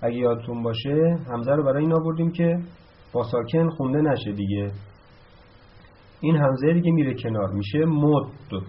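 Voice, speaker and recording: A man teaching a grammar lesson, explaining step by step and answering his own questions, slowing down to spell out each verb form. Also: medium pitch. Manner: slows down to spell out verb forms. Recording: slightly dull, lo-fi recording.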